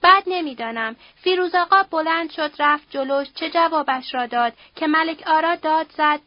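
A woman's voice: high-pitched, no echo, highs cut off, close to an everyday voice. A woman voicing a grieving, frightened widowed mother who speaks in a sorrowful, pleading way.

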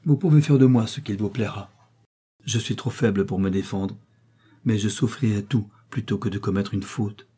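A man voicing a gentle, devout young woman who answers calmly and quietly. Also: fairly low pitch, normal speed, husky. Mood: resolute. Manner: calm, quiet, steady replies. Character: gentle, devout young princess, frightened but resolute.

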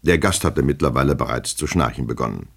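A male reader narrates a classic novel for radio, steady and measured. His voice is extremely deep and gravelly, with a husky grain.

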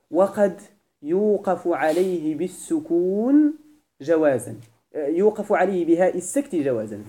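A man from Morocco with a Moroccan Arabic accent teaches a classroom grammar lesson in a mellow, warm voice. His pitch swings widely as he stresses each point. He repeats himself patiently and often stops to ask whether his students have understood. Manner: explains step by step, repeats points and checks understanding.

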